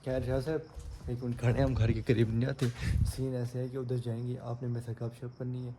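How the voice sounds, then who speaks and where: A man runs his own vlog, chatting upbeat and straight to camera as he walks a street at night. His voice sits at an ordinary middle pitch. The outdoor recording carries clear background noise. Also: level tone. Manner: chatty, upbeat, addresses viewers directly. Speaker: vlogger and channel host. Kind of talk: casual vlog chat.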